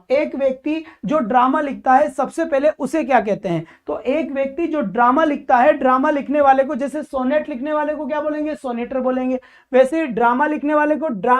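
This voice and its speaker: A woman teacher with a high-sitting voice gives an exam-prep lecture, asking questions and answering them herself while affectionately calling her students "child." The recording is dull and lo-fi.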